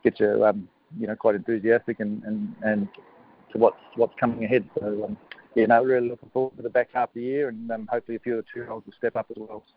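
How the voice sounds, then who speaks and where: A man giving a casual radio interview as a horse trainer, hesitant, matey and low-key. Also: little pitch movement, fast talker. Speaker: harness racing horse trainer, interview guest. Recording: narrow, lo-fi phone-like line.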